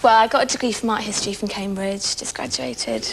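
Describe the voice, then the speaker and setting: A woman's voice: mid-range voice, steady tone, fast talker. A woman in her twenties with a southern English accent, chatting as a dating show contestant. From Surrey, England. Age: 20s. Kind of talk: chatty game show answers. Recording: very noisy studio with loud audience.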